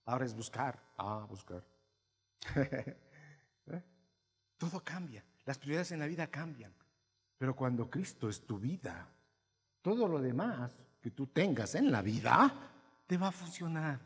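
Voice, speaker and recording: A male pastor preaching to his congregation, asking them questions and swinging between quiet asides and loud, emphatic bursts. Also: mid-range voice, sing-song, unhurried, long pauses, slightly rough. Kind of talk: sermon. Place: church hall. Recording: long hall reverb.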